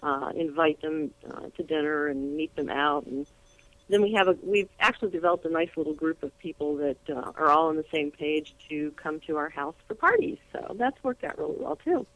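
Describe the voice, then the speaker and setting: A woman's voice: deep voice, lively intonation, moderate pace. A woman calling in as an interview guest on speakerphone, her voice muffled, talking chattily with many restarts. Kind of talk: casual phone interview.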